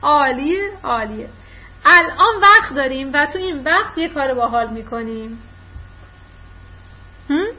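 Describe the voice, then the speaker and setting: Brief: female teacher on a video call, higher-pitched, warmly praising, lo-fi dull sound. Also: lively intonation. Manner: encouraging, quick to praise. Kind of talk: online class, coaching children to read aloud. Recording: dull lo-fi online call audio.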